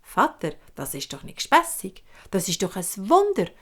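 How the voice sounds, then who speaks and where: A woman's voice: mid-range voice, huge pitch swings, normal speed, fairly bright tone. A woman with a Swiss German accent voicing an eager young shepherd boy in a told fairy tale. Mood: eager pleading.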